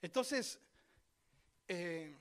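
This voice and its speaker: A male preacher giving a sermon, telling scripture stories with lively asides and speaking straight to his congregation. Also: high voice, very slow. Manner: lively storytelling, acts out scripture voices; addresses congregation directly, conversational asides.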